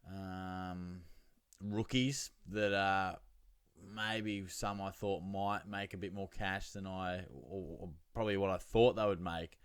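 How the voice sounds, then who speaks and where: A man's voice: deep voice, clean tone, no room sound, studio quality. An Australian man hosting a fantasy football show, chatting casually in a slangy, laddish way and telling anecdotes. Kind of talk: casual solo chat with anecdotes.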